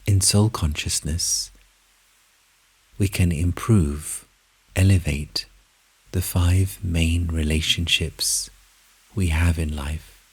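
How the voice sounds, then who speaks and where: This meditation guide's voice is very low, heavily breathy, and husky, with a steady tone. He moves very slowly, setting down short phrases one at a time and letting long pauses follow.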